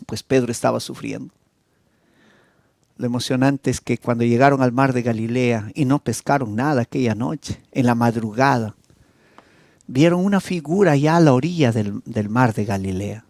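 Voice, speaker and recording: A man with a Peruvian accent preaching an evangelistic sermon as a pastor, telling the story with dramatic swings between loud and soft. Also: normal speed, creaky, no echo. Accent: Peruvian Spanish. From Peru. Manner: emotive, dramatic storytelling with wide swings in pitch and loudness.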